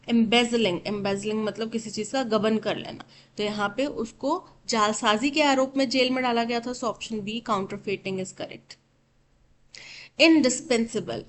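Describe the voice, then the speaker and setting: Female English tutor, a little high-pitched, explains in Hindi and spells words out letter by letter. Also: rough recording. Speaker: English teacher. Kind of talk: exam-prep vocabulary lesson.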